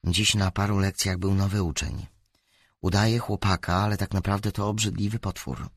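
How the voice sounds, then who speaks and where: A man's voice: deep voice, fairly even intonation, normal speed, dry recording, clean studio sound, voice pushed down. A man voicing a serious, urgent teenage girl in a storybook reading. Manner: insistent, urgent.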